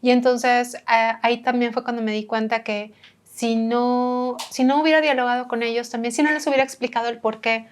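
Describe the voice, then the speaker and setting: Lively northern Mexican woman storyteller. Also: fairly high pitch, a little fast. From Monterrey, Mexico. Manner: lively storyteller, laughs often, acts out dialogue. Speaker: guest, architect and restorer. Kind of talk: casual podcast conversation.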